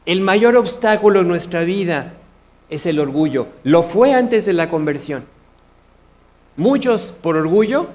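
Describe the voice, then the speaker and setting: A man's voice: on the high side, a little mellow. A man with a Mexican Spanish accent preaching a sermon, earnest, often asking his congregation questions. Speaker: pastor.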